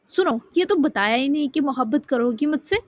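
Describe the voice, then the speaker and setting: Doting, playful grown-man love interest, read by a woman in a storybook reading, somewhat high, dull lo-fi sound. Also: animated, no echo. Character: affectionate teasing grown man, a romantic lead.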